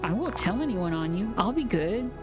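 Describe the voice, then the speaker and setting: A woman's voice: medium pitch, very animated, moderate pace, music in the background, close to an everyday voice. A woman voicing a nervous young boy in a game, speaking in a timid, pleading way. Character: nervous young boy in a bleak small town. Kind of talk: reading game dialogue aloud.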